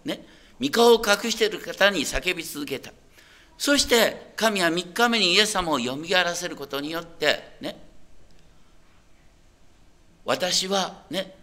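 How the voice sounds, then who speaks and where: A man's voice: high voice, lively intonation, moderate pace, pauses often, pushed and bright. A man preaching a sermon as a pastor. He talks in a conversational way, puts questions to the listeners and often checks that they are following.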